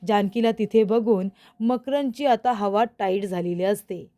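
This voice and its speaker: A woman's voice: medium pitch, measured pace, mellow. A woman narrating a recap of a television serial episode, steadily addressing the viewers.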